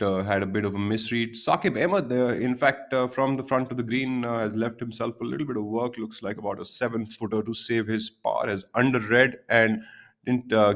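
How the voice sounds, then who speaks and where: A man delivers live golf commentary. His voice sits a little lower than average. He phrases things politely and formally, describing play in a measured way.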